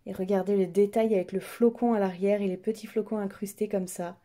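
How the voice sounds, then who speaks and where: Gushing woman unboxing, mellow tone. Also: mid-range voice, fairly even intonation, brisk. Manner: enthusiastic, many fillers and restarts. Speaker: vlogger. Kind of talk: casual unboxing chat.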